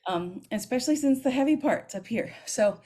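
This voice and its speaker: A woman in her fifties, a middle school band director, explaining trumpet technique in a lively, chatty way and demonstrating as she talks. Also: on the high side, normal speed. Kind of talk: teaching clinic, explaining technique.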